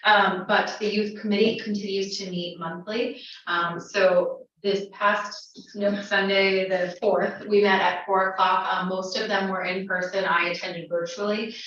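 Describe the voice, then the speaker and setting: A woman's voice: mid-range voice, flat delivery, measured pace, hardly any pauses, fairly bright tone. A woman legislator giving a businesslike committee report at a formal meeting, with "um" fillers. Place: county legislature meeting room. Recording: dull, echoey chamber audio from a distant mic.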